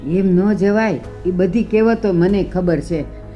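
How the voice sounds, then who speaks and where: An actress voices a stubborn older woman, stern and scolding as she insists her neighbour is at fault. Her voice sits mid-pitch, and the recording sounds a little dull and muffled, as in a low-budget short film. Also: slow, faint music behind, lightly acted.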